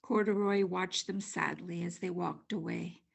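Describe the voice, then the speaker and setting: Husky older woman reading a storybook. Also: on the low side, steady tone, measured pace. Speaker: storybook reader. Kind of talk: children's storybook narration.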